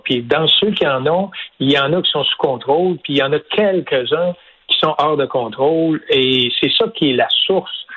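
A man with a Québécois French accent, a business association president interviewed on the radio, explaining his points deliberately with many fillers and restarts. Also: medium pitch, breathy edge, dull audio.

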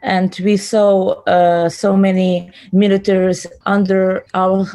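A woman from Ukraine speaking English with a Ukrainian accent, answering interview questions haltingly with many "uh" fillers. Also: medium pitch, little pitch movement, dark tone. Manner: hesitant, many pauses and "uh" fillers. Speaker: interview guest.

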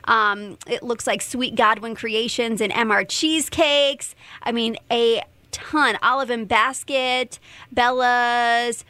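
A woman's voice: a little high, fairly even intonation, takes it slowly, pushed and bright, no echo. An American woman hosting a morning radio show, with upbeat local chat and contest patter.

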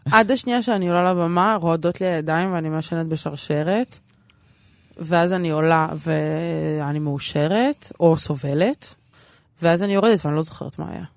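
A woman's voice: low voice, no echo. Woman, Israeli accent, stand-up comic in interview, rambling, self-deprecating, dry close sound. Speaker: stand-up comedian, interview guest. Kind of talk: casual conversational interview.

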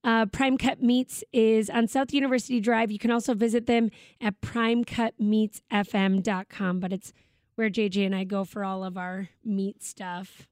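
A woman's voice: mid-range voice, flat delivery, moderate pace, darkish tone, dry recording, studio quality. A woman hosting a radio talk show, bubbly and chatty. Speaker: radio host.

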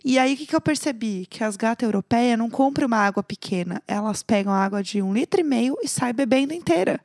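A woman's voice: a little high, quick pace, no echo, clean studio sound. A woman telling a story in casual chat, acting out the voices of the people in it. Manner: animated, acts out quoted voices.

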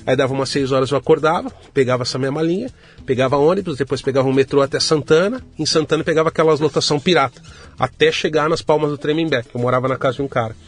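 A middle-aged man from Brazil, telling his story to an interviewer in a casual, lively way and acting out the voices of the people in it. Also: fairly high pitch, very fast. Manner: lively anecdotal, acts out quoted dialogue. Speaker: guest entrepreneur.

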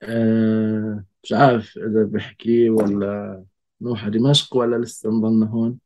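Male interview guest from the Golan Heights, Levantine Arabic accent, lower register, reflective and halting personal storytelling. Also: flat delivery, muffled recording.

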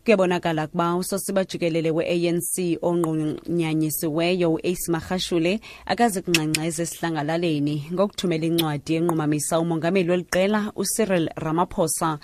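A woman's voice: fairly low pitch, steady tone, fast, darkish tone, a little hiss or hum. A woman with a South African Xhosa accent reading scripted radio news as the presenter.

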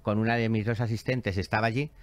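Hombre expresivo narrando anécdotas con teatralidad. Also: male voice, lowish voice, quick pace. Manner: expressive, theatrical storyteller who acts out quoted voices. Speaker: show host, spiritual medium. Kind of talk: animated storytelling chat.

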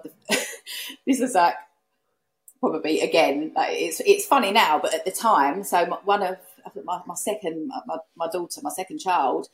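A woman with an Essex accent chatting casually in an interview, telling anecdotes, repeating herself and acting out remarks. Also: on the low side. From East London and Essex, England. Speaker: podcast guest, serviced accommodation host.

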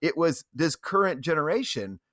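A man's voice: a little high, normal speed, no echo. Joking man on a dry mic. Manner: jokey, animated storyteller. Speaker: panelist. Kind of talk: casual chat.

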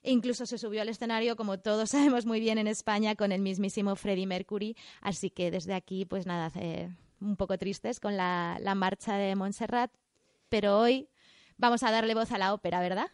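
A woman's voice: mid-range voice, steady tone, brisk, a little mellow, no echo. A woman co-hosting a chatty podcast from a studio, upbeat and jokey. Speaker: podcast co-host. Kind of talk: casual podcast chat.

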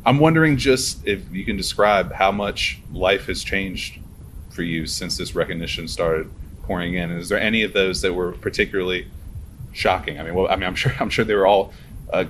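A male interviewer with a very deep, low voice asks his questions hesitantly. He pauses often and restarts his sentences, chuckling between them. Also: fairly bright tone, slight background noise. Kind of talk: casual interview.

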